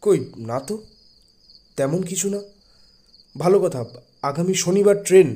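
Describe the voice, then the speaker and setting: Brief: male actor as an evasive, short-tempered husband, raised pitch, mellow timbre. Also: a little slow. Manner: curt, brushing off questions. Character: irritable secretive husband, middle-aged man. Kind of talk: Bengali audio drama acting.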